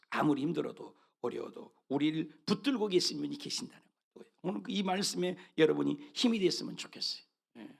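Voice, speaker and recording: A man's voice: fairly high pitch, vocal fry, a bit bright. A man preaching a sermon as pastor, emphatic and constantly quizzing his congregation as they read scripture together. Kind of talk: sermon with call-and-response scripture reading. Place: church sanctuary.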